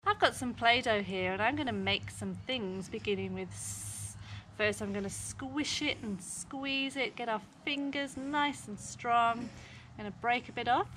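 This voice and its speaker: A woman presents to small children in a broad, singsong delivery. Her voice sits fairly high and she takes her time, speaking outdoors with some background noise behind her. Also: measured pace, fairly bright tone. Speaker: children's phonics teacher and presenter. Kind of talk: children's lesson to camera. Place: outdoors in a home backyard.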